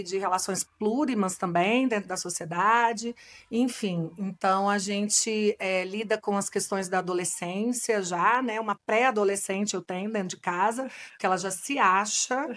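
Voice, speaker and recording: A woman in her forties, a family lawyer, talking as a podcast guest and telling a personal story with lively acted-out dialogue. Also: medium pitch. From Brazil. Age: 40s. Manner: animated storyteller, acts out dialogue. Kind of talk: casual interview storytelling.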